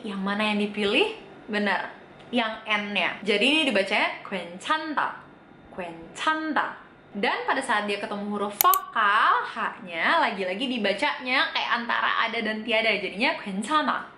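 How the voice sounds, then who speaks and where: A woman giving a casual video lesson on reading Korean, asking the viewer questions and repeating each word slowly. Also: a little high, bright, forceful tone, reverberant, slight background noise. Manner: chatty, asks the viewer questions and answers them. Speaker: Korean language teacher.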